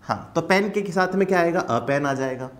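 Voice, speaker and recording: A man's voice: a little high, lively intonation, moderate pace. A young Indian man teaching English grammar in an online class, patient and reassuring, asking questions and then answering them himself.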